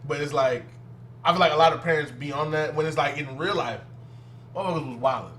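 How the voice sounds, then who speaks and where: A man's voice: fairly high pitch, fast talker, fairly bright tone, a little hiss or hum. Casual, rambling podcast man. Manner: loose, rambling, laughs often. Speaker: podcast co-host.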